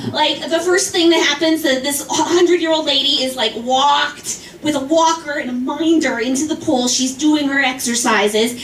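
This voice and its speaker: A woman's voice: sits high, a little hiss or hum. A woman performing a stand-up comedy set, telling a rambling, exasperated story in a chatty way and putting on the voices of the people in it. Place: small club or class showcase stage. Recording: roomy, distant mic, faint ambience.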